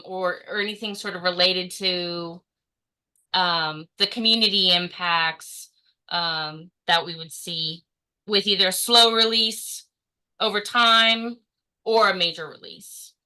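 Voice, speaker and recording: A woman's voice: fairly low pitch, pushed and bright, smooth, rough recording. A woman from Texas hosting a webinar, chatty and full of fillers, with facetious asides. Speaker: webinar host. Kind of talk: casual webinar moderation.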